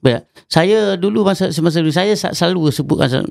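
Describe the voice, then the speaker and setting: Malaysian male teacher, Malaysian Malay accent, fairly high gravelly tone, explains then chants melodic examples, dry mic. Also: brisk, darkish tone, no echo. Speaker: Quran recitation teacher. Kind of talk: explanatory podcast interview. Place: mosque podcast studio.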